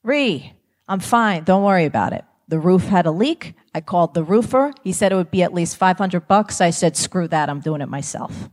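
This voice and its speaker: A woman doing a brisk, tough mom. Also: fairly low pitch, animated, big-room sound. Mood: breezy. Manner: brisk, dismissive reassurance. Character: tough, no-nonsense handy mother.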